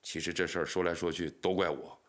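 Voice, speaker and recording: An actor playing an older man, an anxious father who longs for grandchildren, lamenting and sometimes shouting. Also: deep voice, fairly even intonation, quick pace. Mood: grieving. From Northeast China. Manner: lamenting, bursts into angry shouting.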